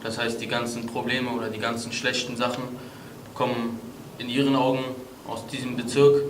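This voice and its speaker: A twenty-two-year-old man from Berlin answers questions in a measured way, often pausing on fillers. The recording is roomy and distant, with a faint hiss of noise behind. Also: medium pitch, little pitch movement. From Berlin, Germany. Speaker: local youth council member. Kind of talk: casual interview answers.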